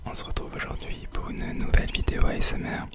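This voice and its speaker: A man whispers softly, very close to the ear, as he gives ASMR gameplay commentary. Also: fast. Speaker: host of an ASMR gaming video.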